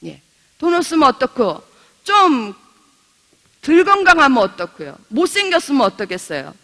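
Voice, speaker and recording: A middle-aged pastor's wife teaching a Bible study, chatty and lively, asking her listeners questions and laughing as she tells stories. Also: high-pitched, moderate pace. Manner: laughs while telling stories. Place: church hall. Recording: long reverb of a church hall.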